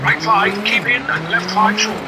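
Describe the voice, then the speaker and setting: Casting: male actor for brisk male video game rally co-driver, high voice, rapid clipped pace notes, heard through loud car noise. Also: close to an everyday voice. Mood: brisk, focused. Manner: clipped, terse directions. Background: rally car engine and driving noise.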